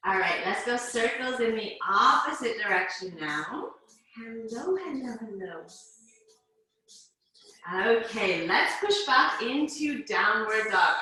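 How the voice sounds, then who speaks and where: A woman's voice: a little high, pushed and bright. A Canadian woman leading a mom and baby workout class over a video call, giving chatty, encouraging cues. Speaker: fitness instructor. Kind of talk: live virtual workout class cueing. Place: home workout space. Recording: very echoey room.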